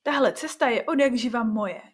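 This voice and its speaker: A woman voicing a small, hungry wild forest spirit girl in a storybook reading, speaking slowly and high. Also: breathy edge. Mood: demanding.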